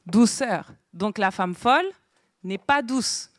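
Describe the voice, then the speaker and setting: A woman's voice: mid-range voice, expressive, slow, dry recording. A woman giving an interactive Bible lesson to a small group, asking them questions and writing on a board as she goes. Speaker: Bible teacher. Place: meeting room with a small group.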